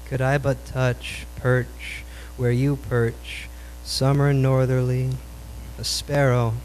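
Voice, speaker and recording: A man performing his own poems at a live reading in a cool, measured Beat style, like a beatnik poet. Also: medium pitch, little pitch movement, darkish tone. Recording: noisy live recording with hum.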